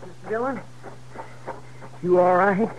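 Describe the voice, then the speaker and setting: Chester, folksy sidekick on muffled recording. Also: male voice, high-pitched, a little slow. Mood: relieved, anxious. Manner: folksy, deferential. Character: loyal, anxious folksy marshal's sidekick. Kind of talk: 1950s radio western acting. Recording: muffled, noisy vintage radio recording.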